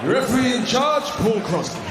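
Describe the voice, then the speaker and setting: A man making formal fighter introductions as a boxing ring announcer, booming and drawing out names and phrases. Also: big pitch swings, normal speed. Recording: loud arena crowd noise.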